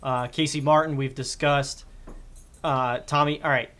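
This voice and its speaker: A man hosts a live sports panel over a video call. His voice sits at a middle pitch, and he moves briskly through lists of names before letting his sentences fade out quietly. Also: fairly even intonation. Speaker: draft show host.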